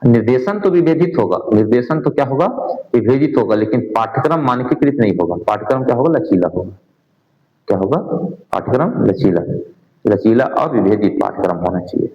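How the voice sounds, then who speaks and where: Hindi coaching teacher, echoey lo-fi room. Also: male voice, medium pitch, lively intonation, brisk, mellow. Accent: Hindi, sprinkled with English exam terms. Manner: asks the class rhetorical questions and answers them himself. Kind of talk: answer-key lesson walkthrough. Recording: dull, roomy lo-fi sound.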